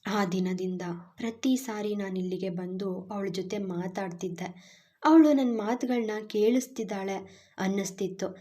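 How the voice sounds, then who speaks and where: A woman voicing a grieving widowed father in a spoken storybook, with a soft, trembling, subdued voice. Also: mid-range voice, measured pace, natural voice. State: voice trembling with grief.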